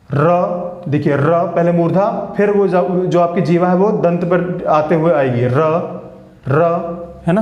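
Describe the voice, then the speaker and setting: A man teaching a grammar lesson, sounding out each letter slowly and asking students to repeat after him. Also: fairly high pitch, darkish tone, reverberant.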